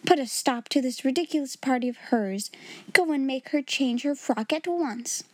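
Stern, hard-hearted storybook schoolmistress played by a woman, raised pitch, commanding and cutting, close dry sound. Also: normal speed, no echo. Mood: furious, commanding. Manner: fierce, bitterly ironic, commanding. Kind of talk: storybook character voice.

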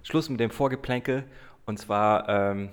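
A man's voice: lowish voice, a little slow, smooth. A man hosting a casual interview in a café, chatty and enthusiastic, often tagging "ne?". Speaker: podcast host, interviewer. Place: small café indoors.

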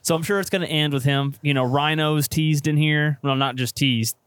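A man's voice: a little high, moderate pace, a bit bright, smooth, no room sound. A man co-hosting a casual movie podcast, talking with enthusiasm and plenty of fillers. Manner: enthusiastic, chatty, many fillers. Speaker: podcast co-host.

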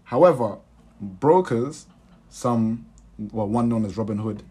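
A man's voice: mid-range voice, animated, takes it slowly, warm tone, a little hiss or hum. A young man with a London accent hosting a podcast, chatting casually in roadman slang. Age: young adult. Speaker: podcast host. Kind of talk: casual chat.

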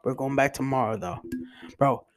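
A man with a New York and New Jersey accent vlogs from his bedroom in a rented cabin, speaking at normal speed in a medium-pitched, level tone. His chat is casual, slangy and rambling, with plenty of "bro."

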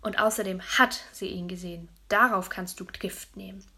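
A woman reading a storybook aloud, voicing a father who scolds in a firm, measured way. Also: medium pitch, fairly even intonation, bright, forceful tone, slightly rough. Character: strict, patient father.

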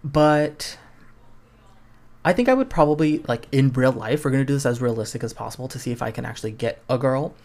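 A man's voice: mid-range voice, expressive, a little fast, a little mellow. A young man hosting a podcast, reading the choices of a choose-your-own-adventure game aloud and adding wry, self-mocking asides. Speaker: podcast host.

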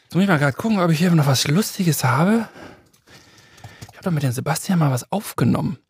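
A man's voice: fairly high pitch, animated, brisk, a little hiss or hum. A man around forty co-hosting a casual podcast chat, joking and acting out the people in his stories. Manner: joking, acts out quoted people. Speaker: podcast co-host.

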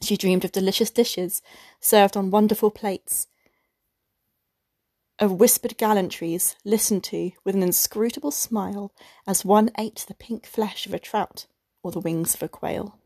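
Female narrator for a classic short story; measured and expressive, husky tone, dry. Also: mid-range voice, no room sound. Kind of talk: scripted narration.

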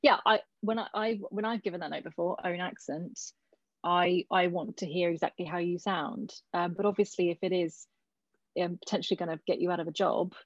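Over dull, lo-fi video call audio with no room sound, this woman speaks in a lowish, steady voice at a fairly quick pace. She's a casting director advising actors in a workshop, chatty and thoughtful, often thinking out loud.

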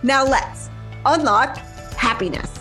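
A woman's voice: high-pitched, slow pace, bright, forceful tone, soft background music. A woman hosting a podcast interview, enthusiastic and chatty, often saying "like". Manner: enthusiastic, uses fillers like "like". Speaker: podcast host.

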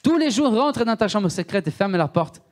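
A man born in Italy preaches a sermon, his heavy Italian accent unmistakable and his voice pitched slightly high for a male. He speaks at a normal speed and is very animated and emphatic, repeating words and often putting questions to his listeners.

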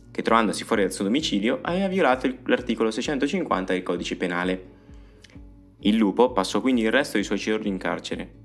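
Male storyteller, fairly low voice, deadpan comic reading, faint music behind.

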